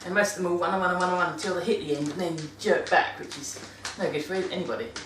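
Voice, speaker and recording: A British woman shares dog-care tips in a chatty, rambling monthly vlog, speaking fast in a voice that sits on the low side and sounds a bit bright. She often corrects herself mid-sentence. The distant mic sounds roomy, with a little hiss or hum.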